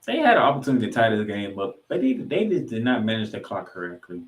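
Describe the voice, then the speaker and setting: A sports podcast host with a fairly low voice rattles off a recap full of statistics, his pitch swooping wildly as he talks fast. He punches out names and numbers with emphasis, and the recording carries an echoey room sound.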